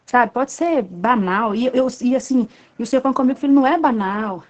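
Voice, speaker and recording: A woman's voice: a little high, brisk, a little mellow, dull audio. Earnest Brazilian woman giving testimony. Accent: Brazilian Portuguese. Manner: earnest, repetitive, addresses listeners as brothers. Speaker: church member giving testimony. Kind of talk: devotional testimony.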